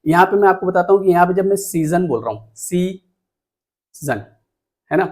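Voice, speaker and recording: A man's voice: sits high, expressive, very fast, darkish tone. Man teaching poetry meter step by step. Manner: explains step by step with frequent "है ना?" check-ins; counts items aloud while pointing at the screen. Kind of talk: exam-prep lecture.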